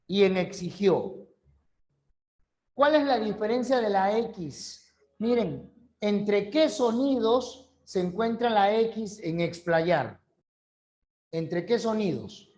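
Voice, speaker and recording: A man's voice: high-pitched, animated, takes it slowly, long pauses, darkish tone. A male language teacher giving an online class lecture, repeating key rules and checking understanding with short questions.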